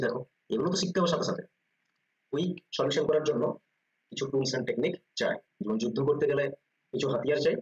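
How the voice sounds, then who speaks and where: A man's voice: mid-range voice, lo-fi sound. A man with a Bengali accent teaching an exam-prep math lesson, explaining step by step and often checking that students follow. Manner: quick, repeats "ঠিক আছে?" checks, explains step by step.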